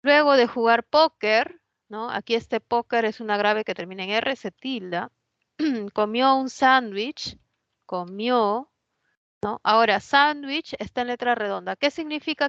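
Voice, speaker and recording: A woman's voice: fairly high pitch, moderate pace, a bit bright, dry recording, dull audio. A woman teaching a spelling lesson. She explains the rules step by step and keeps checking that the class follows. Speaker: language teacher. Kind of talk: pre-university spelling lesson.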